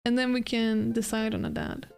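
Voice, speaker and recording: A woman's voice: fairly high pitch, level tone, moderate pace, vocal fry, a little mellow. A woman streamer chatting casually and bluntly over a video game, swearing now and then. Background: faint game music.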